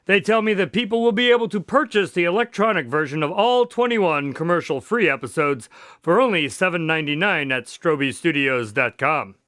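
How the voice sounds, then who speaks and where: Guy playing polite old-fashioned doctor sidekick in radio play, bright highish voice, easily flustered. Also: lively intonation, moderate pace, clean tone, dry recording, clean studio sound. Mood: genial. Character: Doctor Watson, courteous, easily flustered male storyteller and sidekick. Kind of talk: radio drama acting and narration.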